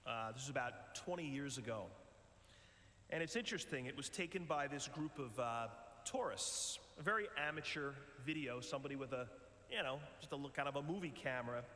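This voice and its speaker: A priest giving a retreat talk in a large church, telling a story in a relaxed, conversational way with many ums and uhs. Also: male voice, medium pitch, fairly quick. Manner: conversational storytelling with frequent fillers. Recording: echoey church with long reverb.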